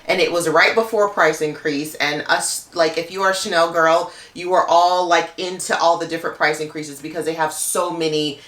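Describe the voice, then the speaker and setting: A woman's voice: sits low, fairly even intonation, moderate pace, few pauses, a bit bright, reverberant. A woman talking casually to camera as a luxury handbag YouTuber, chatty and full of "like" fillers.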